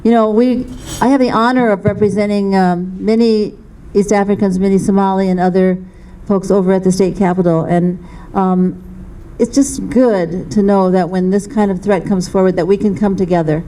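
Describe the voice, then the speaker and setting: Measured woman legislator, mellow voice. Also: medium pitch, fairly even intonation, poor audio. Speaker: state legislator. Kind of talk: panel discussion remarks.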